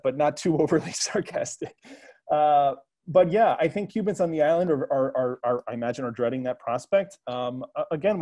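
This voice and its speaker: A man's voice: medium pitch, mellow. A man speaking as a guest analyst in a panel discussion, hesitant, with many fillers and restarts and a touch of wry sarcasm.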